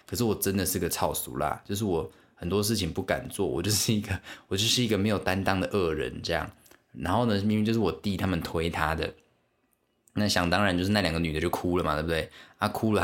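A young man speaking Mandarin with a Taiwanese accent, his voice sitting very low. He tells stories in a loose, rambling way, restarting sentences and turning to the listener with asides, like a casual solo podcast host.

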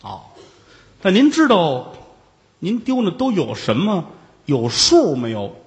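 A man's voice: high voice, wildly swooping pitch, takes it slowly, big-room sound, exaggerated voice. A man doing a broke, honest young man. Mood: polite. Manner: despairing, talks to himself.

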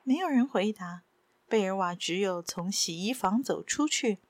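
Female audiobook narrator, mid pitch, steady storytelling, close and dry recording. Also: normal speed, no echo. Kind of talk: scripted narration.

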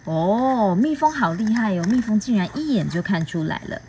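A woman reading a picture book aloud to a child in a gentle, sing-song way, often asking little questions. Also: mid-range voice, big pitch swings, normal speed, slight background noise. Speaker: storyteller host.

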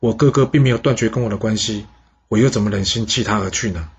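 A man voicing a gentle, principled prince who speaks sincerely and softly. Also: on the low side, quick pace, a little hiss or hum, close to an everyday voice. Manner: soft-spoken, sincere. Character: gentle principled younger brother of a ruler. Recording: dull lo-fi sound.

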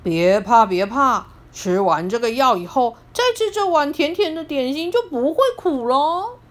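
A woman's voice: expressive, a little slow. A woman voicing a kind old grandfather who soothes a child in a storybook. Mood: soothing. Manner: low, soothing and coaxing.

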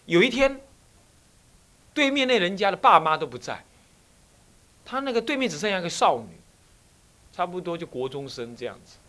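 A man with a Taiwanese Mandarin accent, a Buddhist abbot giving a dharma talk full of stories and rhetorical questions. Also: high-pitched. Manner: animated storyteller, frequent rhetorical questions.

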